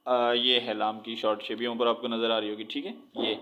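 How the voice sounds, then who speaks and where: A man teaching Quran reading, spelling out letters and drawing words out slowly between explanations. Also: mid-range voice, flat delivery, sharp tone, dull audio, slight background noise. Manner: drawn-out recitation of words, explaining with repeated checks. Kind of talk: slow spelled-out recitation lesson.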